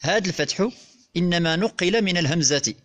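A man's voice: high-pitched, animated, fairly quick, fairly bright tone. A man teaching classical grammar, methodically explaining and repeating examples to his students. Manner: methodical, repeats and spells out examples, addresses listeners directly.

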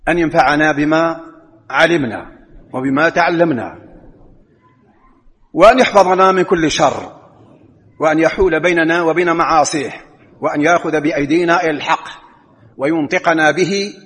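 A man with a Moroccan accent delivering a Friday sermon in a mosque, measured and emphatic, rising in pitch to stress points. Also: a bit bright. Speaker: preacher. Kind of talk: Friday sermon with religious rulings. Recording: long reverb of a large hall.

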